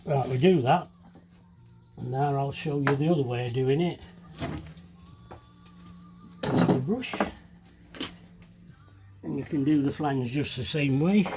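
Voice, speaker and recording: Heavy background noise surrounds a man with a mid-range voice giving a laid-back fibreglassing tutorial for his DIY videos. He chats and jokes about himself while he works, sounding a little sniffly from a cold.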